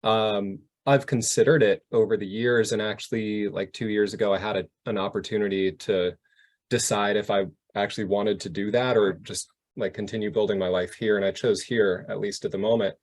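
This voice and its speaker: Chill guy on a podcast, lowish voice, lots of yeahs and mm-hmms. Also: steady tone, normal speed, darkish tone. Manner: easygoing, frequent short agreements. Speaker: podcast co-host. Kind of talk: casual chat.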